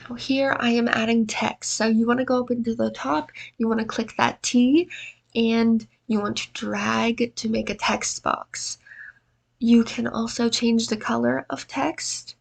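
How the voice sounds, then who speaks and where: An allergy-congested woman who sounds thoroughly tired walks through a video editing tutorial casually, making self-deprecating remarks. She speaks unhurriedly in a gravelly voice on the high side, with fairly even intonation.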